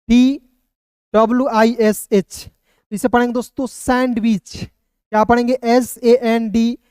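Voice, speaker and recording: Male English teacher, smooth clear voice, dry close sound, spells letter by letter. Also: sits high, darkish tone, dry recording. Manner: spells letters out slowly, asks rhetorical check questions. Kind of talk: spelling and pronunciation lesson.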